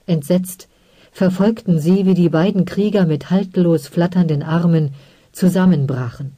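Brief: calm audiobook narrator, slow and measured, mellow tone, dry close recording. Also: mid-range voice, no room sound. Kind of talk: scripted narration.

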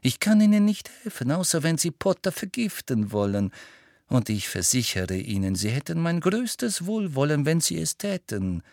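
A man voicing a cold, sneering male teacher who speaks in a smooth, sardonic drawl. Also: fairly high pitch, very animated, moderate pace, a little mellow, dry recording, studio quality, pitched above the performer's own voice.

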